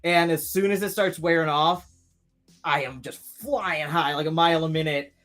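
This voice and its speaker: A man in his thirties with a voice on the high side and a fairly bright tone speaks at normal speed on his live stream. He rambles casually over faint music while reading viewer comments, restarting often.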